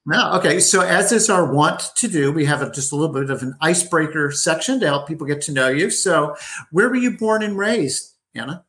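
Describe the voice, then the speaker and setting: Male show host, friendly and talkative, warm-up chat with a guest. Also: fairly high pitch, brisk. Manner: upbeat, chatty, with frequent fillers. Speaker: podcast host. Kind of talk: conversational interview hosting.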